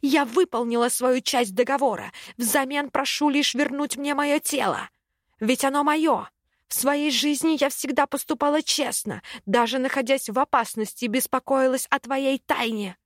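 A woman's voice: high-pitched, normal speed, dry recording, studio quality, pitched above the performer's own voice, natural voice. A woman voicing a wronged young witch who pleads in a sorrowful voice. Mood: pleading.

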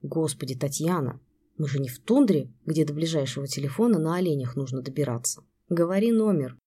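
A woman reading the lines of a calm, kindly grown man who speaks softly and soothingly. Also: low-pitched, a little fast, slightly rough, pitched below the performer's own voice. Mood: gentle. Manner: soft, steady, soothing.

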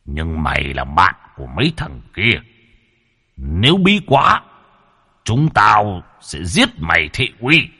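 Casting: a man doing a cruel demon general in a ghost audiobook, harsh, slow and threatening. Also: low-pitched, big pitch swings, sharp tone, breathy edge, big-room sound, full character voice. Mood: menacing. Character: menacing male demon general, centuries old.

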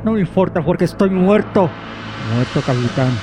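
A man's voice: sits high, expressive, moderate pace, over music. A man playing a mocking, defiant tortured prisoner. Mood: calm. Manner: sardonic, ironic, mocking politeness. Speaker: radio drama actor. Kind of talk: radio drama acting.

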